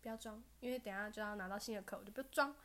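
A young woman, a podcast guest telling funny stories of her bad luck in a casual, animated chat. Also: medium pitch, racing. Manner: animated storytelling, bursts of laughter and loud self-cheers.

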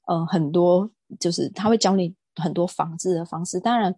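A woman's voice: lowish voice, normal speed, mellow, breathy edge, no room sound. A woman, a guest speaking earnestly in a casual interview and telling stories with emphasis and some hesitation. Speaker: guest speaker on sexual assault prevention.

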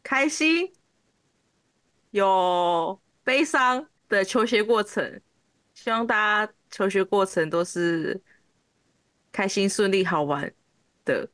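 A female podcast co-host with a Taiwanese Mandarin accent, rambling easily through school memories with many fillers. Her voice has a middle pitch for a woman. The recording is dry and close, with no room sound. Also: expressive, slow pace, long pauses, a bit bright, no echo. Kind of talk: casual storytelling chat.

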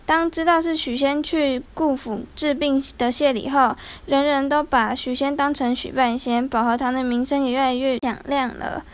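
High-voiced woman reading a folk tale. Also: steady tone, normal speed, few pauses. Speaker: storyteller. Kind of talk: storybook narration.

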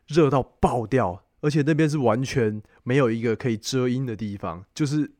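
A man's voice: medium pitch, normal speed, darkish tone, no room sound, clean studio sound. A man with a Taiwanese Mandarin accent telling travel stories in a casual, conversational chat. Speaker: podcast host.

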